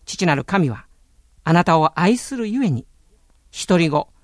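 A man giving a calm, earnest radio sermon, speaking in a measured way. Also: on the high side, no room sound, studio quality. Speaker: radio preacher.

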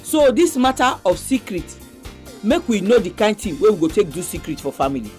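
A woman's voice: medium pitch, big pitch swings, fairly quick, mellow. A woman radio host with a Nigerian accent speaks in a mid-range voice. She presents in an easy Pidgin idiom, with faint music behind her.

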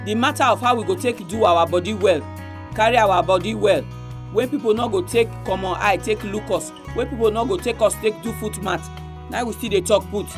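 A woman's voice: medium pitch, fairly quick, music in the background. A woman with a Nigerian Pidgin accent hosting a religious radio programme for women, speaking directly to her listeners.

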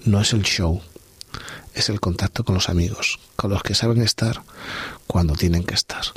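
A man's voice: low voice, fairly even intonation, normal speed, husky, no echo. A man leading a reflective Bible study talk on a podcast, musing aloud and posing rhetorical questions. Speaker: podcast host.

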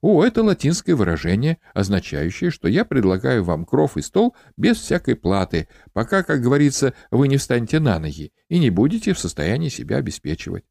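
A man's voice: medium pitch, huge pitch swings, a little fast, creaky, few pauses, dry recording, studio quality, full character voice. A man voicing a cheerful, hospitable widowed uncle with greying hair and a pleasant voice, in an audiobook. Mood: welcoming. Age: middle-aged. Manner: warm, welcoming, talkative.

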